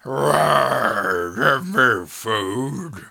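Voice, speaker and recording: A man acts out a possessed, demonic hellhound for a tabletop game. It growls its hungry demands slowly, with gravel in the throat and a forceful, sharp edge. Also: mid-range voice, lively intonation, soft background music, full character voice. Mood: demanding, hungry.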